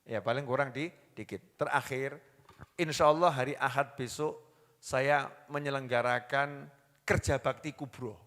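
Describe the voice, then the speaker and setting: A man with a Javanese accent preaching a sermon, telling stories and acting out the voices of the people in them, going from soft to loud. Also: mid-range voice, fairly even intonation, normal speed. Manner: storytelling, acts out quoted voices, swings between soft and loud. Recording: long hall reverb.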